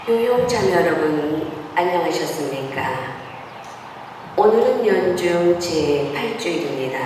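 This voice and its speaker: Lady reading mass announcements slow and formal, big church echo, far off mic with background noise. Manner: measured, formal delivery. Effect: booming church echo. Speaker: Mass commentator leading prayers. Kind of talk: solemn liturgical reading and announcements. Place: large church.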